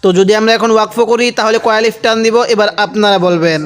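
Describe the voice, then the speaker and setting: A male Quran teacher slowly spelling out letters and vowels, then chanting each joined word, and patiently pointing out common reading mistakes. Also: high voice, steady tone. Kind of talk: slow spelled-out recitation lesson.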